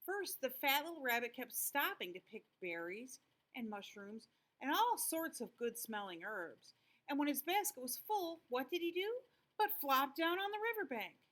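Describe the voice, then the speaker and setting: Older woman, sweet grandmotherly manner, children's storybook reading, high bright voice. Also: moderate pace. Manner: sweet old lady, expressive storytelling.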